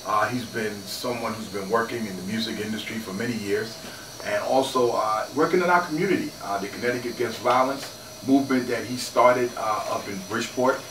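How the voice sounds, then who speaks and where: A man's voice: medium pitch, reverberant, recorded from a distance, background noise. A man hosting a radio interview, prompting his guest in a friendly way with frequent fillers. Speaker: radio host. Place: radio studio.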